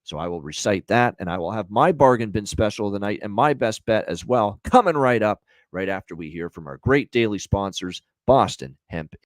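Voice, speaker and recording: A man hosting a sports betting show energetically reads promos and picks solo, repeating himself and using lots of "uh" fillers. His voice is on the low side, moderate in pace with hardly any pauses, and the recording is dry.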